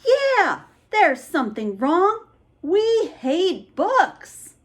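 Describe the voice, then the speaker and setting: A woman's voice: very high-pitched, big pitch swings, very slow, pitched above the performer's own voice, exaggerated voice. A woman voicing a grumpy, hungry many-headed monster in a children's storybook, blunt and exclamatory. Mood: disgusted, angry.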